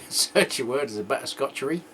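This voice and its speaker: A man hosting a homebrew video, chatting casually as he tastes a beer, rambling and joking and often clearing his throat. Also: medium pitch, expressive, normal speed, fairly bright tone, a little hiss or hum. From England. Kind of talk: casual homebrew tasting chat.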